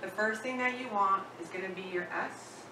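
A woman's voice: medium pitch, normal speed, background noise. A woman teaching a language lesson, patient and checking in with her learners. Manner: patient, asks questions and checks in with "okay?". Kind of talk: classroom-style language lesson. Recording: roomy, echoey sound from a distant mic.

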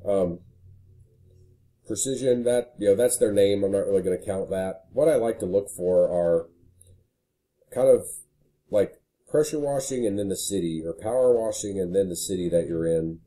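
Low, dark-voiced man explaining casually. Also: moderate pace. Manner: casual and conversational, frequent "you know". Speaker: marketing consultant. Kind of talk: screen-share walkthrough.

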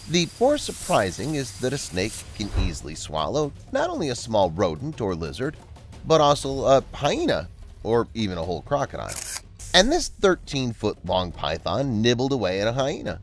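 Animated male nature documentary narrator. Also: mid-range voice, slight background noise. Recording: music under the voice. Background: background music.

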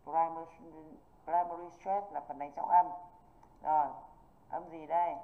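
A woman teaches an online English exam review, stopping often to check that her students follow. Her voice sits a little low. It comes through a narrow, tinny video-call line. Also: level tone, measured pace. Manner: patient, repeatedly checking students understand.

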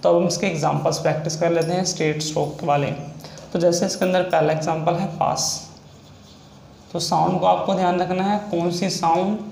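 A man's voice: sits high, steady tone, a little fast, vocal fry, a little mellow. A man teaching a shorthand lesson, explaining each step over and over. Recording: echoey room with faint noise.

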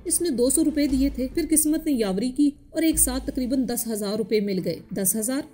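A woman narrates a story in a steady, even reading. Her voice is high and mellow, and faint music plays underneath. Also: normal speed.

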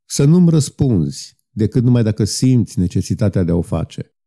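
Man doing a solemn, gentle outlaw chief. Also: on the low side. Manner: calm, gentle, persuasive. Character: solemn, patient male outlaw leader.

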